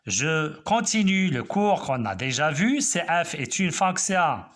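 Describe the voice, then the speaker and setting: A man teaching a math class, walking students through each step and checking they follow. His pitch sits a little high and swings widely. He speaks slowly with a bright, forceful tone. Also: sing-song.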